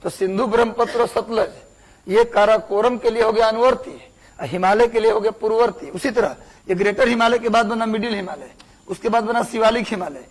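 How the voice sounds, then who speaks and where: High-voiced teacher dictating. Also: male voice, fairly quick, low-quality recording. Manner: repeats words for dictation; asks the class questions. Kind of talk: classroom lecture.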